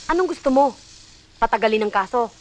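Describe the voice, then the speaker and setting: A woman's voice: on the high side, animated, a little fast, natural voice. An actress playing an anguished mother fighting to keep her son, with intense, emotional delivery in a film drama.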